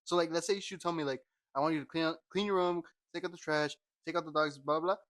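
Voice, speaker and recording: Young man, podcast co-host, bright forceful voice, fairly high, loose casual chatter. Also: fast talker. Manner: animated, swearing, bursts into sudden yells. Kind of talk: casual chat.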